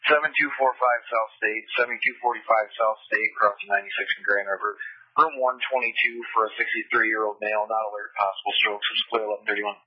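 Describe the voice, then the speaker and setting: A man working as an emergency dispatcher, reading out calls over a dispatch radio channel in a rapid, clipped way, repeating the key details. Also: lowish voice, fairly even intonation, husky, dry recording, lo-fi sound. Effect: dispatch radio transmission.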